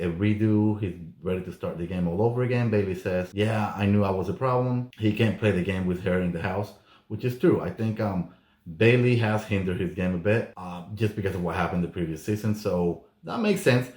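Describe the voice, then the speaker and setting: A man's voice: fairly low pitch, darkish tone. A man giving a casual, chatty recap commentary as a host, often exclaiming and acting out what others said. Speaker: reality show recap host. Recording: echoey room.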